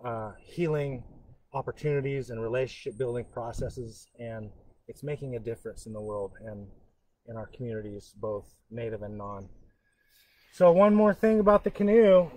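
A man from Northern California gives a live-streamed educational talk, explaining his subject as a cultural educator. His voice sits a little higher than most men's. He speaks earnestly but haltingly, pausing often and restarting his sentences. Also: mellow, slight background noise, rough recording.

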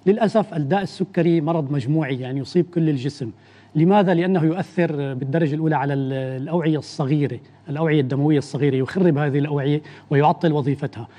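Male physician guest, rapid measured explainer with a dark, mellow voice. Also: fairly high pitch. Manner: measured, explanatory, with frequent restarts. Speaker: internal medicine doctor, guest. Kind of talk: explaining medical facts in a TV interview.

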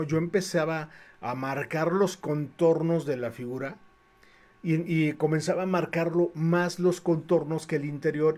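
A middle-aged man with a Mexican accent tells a story from his past on his livestream. His slightly high voice is casual and animated. He often stumbles and restarts his phrases as he goes. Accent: Mexican Spanish. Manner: lively and animated, with many restarts. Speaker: comic artist and livestream host.

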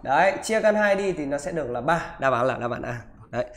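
Lively male physics teacher, higher voice. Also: a little fast. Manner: keeps asking "được chưa?" and "đúng không?". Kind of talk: live online exam walkthrough.

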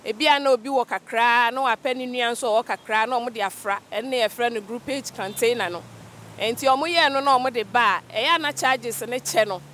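A woman's voice: a little high, brisk, fairly bright tone. A middle-aged Ghanaian woman with a Ghanaian accent, answering interview questions and mixing English with Twi. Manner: speaks unhurriedly, mixes English with Twi. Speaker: clearing agent guest. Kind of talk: casual interview. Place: outdoors on a beach by the sea. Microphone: handheld mic held by interviewer. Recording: faint outdoor noise.

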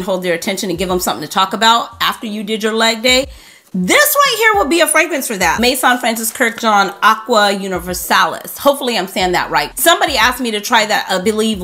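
A woman's voice: medium pitch, pushed and bright. A woman in her thirties talking to camera in a fragrance review vlog, enthusiastically running through lists of scent notes, recorded at home at a desk. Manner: enthusiastic, listing notes in quick rhythmic runs. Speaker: beauty vlogger. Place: home room with a desk display.

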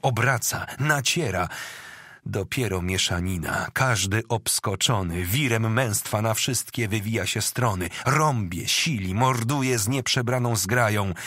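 Slow husky male verse narrator. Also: fairly low pitch, fairly bright tone, no echo, clean studio sound. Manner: declamatory, rhythmic verse reading. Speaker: audiobook narrator. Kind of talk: narrated epic poetry reading.

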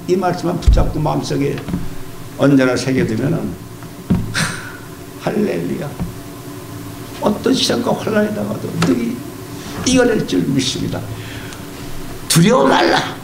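Animated preacher man in an echoey hall. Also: high-pitched, a little slow, vocal fry, long pauses, noisy background. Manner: emphatic, repeats key phrases; fires rhetorical questions at the congregation. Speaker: pastor. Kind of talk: sermon.

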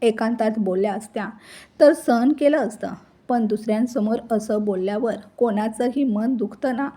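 A woman's voice: on the high side, normal speed, warm tone, lightly acted. A woman voicing a hurt young daughter-in-law who speaks tearfully. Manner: tearful, pleading.

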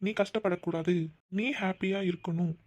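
A man's voice: high voice, steady tone, moderate pace, lightly acted. A man voicing a defensive, pleading young boyfriend in a cartoon, in a dull, dry, lo-fi recording. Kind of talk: cartoon voice acting.

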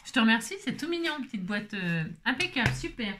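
A woman's voice: on the high side, big pitch swings, fairly quick, sharp tone, a little hiss or hum. A woman papercraft vlogger chatting casually as she opens her mail, playful and full of exclamations. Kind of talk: casual chat while opening mail.

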